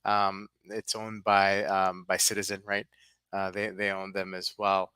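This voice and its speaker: A man's voice: sits low, completely flat delivery, a little slow, pushed and bright, smooth, dry recording. A man in his fifties co-hosting a casual livestream chat, talking loosely with plenty of fillers and tag questions. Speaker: livestream co-host.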